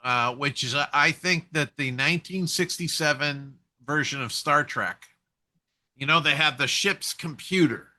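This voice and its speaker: A man talking in a casual conversation, musing and telling stories with animated energy. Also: on the high side, a little slow. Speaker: co-host.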